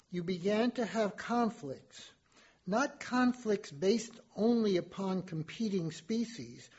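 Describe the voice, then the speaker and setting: A high-voiced, formal Martian ambassador delivers his address unhurriedly, every word measured and aloof, as a man plays him. The recording sounds dull and lo-fi. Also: a little mellow, slightly rough, heavily acted. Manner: slow, measured, formal speech. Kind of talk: audio drama monologue.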